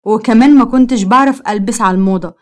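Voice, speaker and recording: Fast-talking, defiant young student girl with an Egyptian accent, mocking and dismissive, voice sits a bit high, as a female reader puts her on. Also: darkish tone, lightly acted. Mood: flippant. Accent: Egyptian Arabic.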